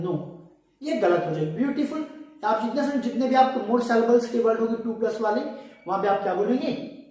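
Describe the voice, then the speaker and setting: A man's voice: sits high, a little mellow, distant mic. A man teaches an online English grammar lesson, walking his students through each rule with one rhetorical question after another. He stands some way back from the microphone. The room around him rings with heavy echo. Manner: keeps asking rhetorical questions and calls students "beta". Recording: very echoey room, voice off-mic.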